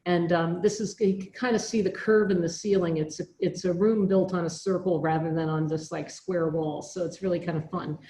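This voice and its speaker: A woman's voice: fairly low pitch, steady tone, fairly quick, hardly any pauses, dark tone. A woman who teaches and belongs to a religious order, talking reflectively on a video call from a school science lab, with many fillers and restarts.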